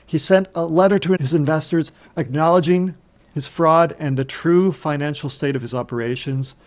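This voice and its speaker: A man's voice: on the high side, normal speed. A man co-hosting a casual podcast, reading out case details and asking teasing questions. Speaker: podcast co-host. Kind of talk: casual chat, case recap.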